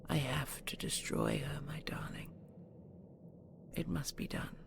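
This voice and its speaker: In an intimate audio roleplay, a woman plays a possessive, seductive dragon queen, speaking slowly in a breathy, gravelly whisper that is both doting and imperious. Her low voice swoops wildly in pitch, the performance is heavily acted, and the mood is possessive and vengeful.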